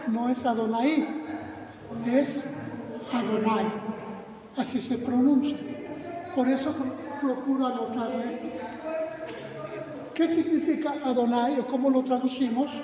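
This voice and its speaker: A man's voice: very high-pitched, steady tone, measured pace, pauses often. A man preaching a teaching sermon, quizzing the congregation with questions. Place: church sanctuary. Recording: echoey hall, distant mic, congregation noise.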